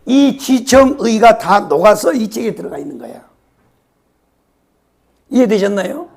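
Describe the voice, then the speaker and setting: Man, pastor, hoarse raspy voice, emphatic sermon, high lively pitch. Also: a little slow. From South Korea, Yeosu-Suncheon area. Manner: emphatic, repeats phrases, drops to whispers.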